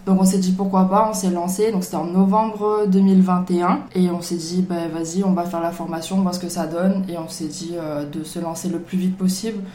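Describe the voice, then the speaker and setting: A young adult woman from Marseille answering interview questions in a hesitant way, often pausing with "euh". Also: lowish voice, little pitch movement. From Marseille, France. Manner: hesitant, lots of "euh", trailing off quietly. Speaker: podcast guest. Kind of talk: casual interview. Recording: echoey room, faint noise.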